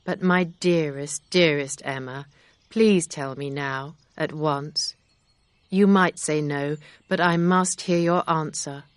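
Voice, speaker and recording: A woman reading aloud, voicing a kind, sincere gentleman in a low, measured tone. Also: steady tone, no echo.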